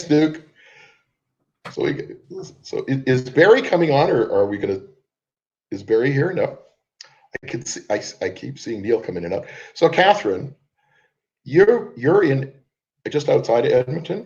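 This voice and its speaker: A man's voice: mid-range voice, sing-song, moderate pace, a little mellow. A man with a cold hosting a group conference call, chatty and mocking. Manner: chatty, mocking, repeats himself. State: has a cold, coughs when laughing. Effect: conference call audio. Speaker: host. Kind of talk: online group call chat. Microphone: computer call mic. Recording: dull lo-fi online call audio.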